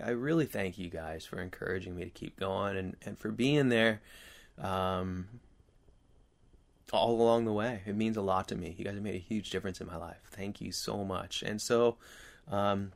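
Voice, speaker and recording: A man chatting casually to his viewers as host, earnest and reflective, with halting, rambling phrasing and a slight whistle on his s sounds. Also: on the low side, creaky. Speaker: video host.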